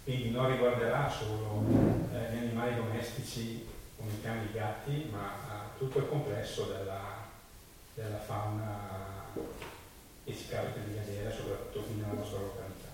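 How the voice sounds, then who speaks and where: A man chairing a public meeting as mayor, speaking formally and bureaucratically with hesitant pauses. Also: on the low side, flat delivery. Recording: very echoey hall, distant mic, faint noise.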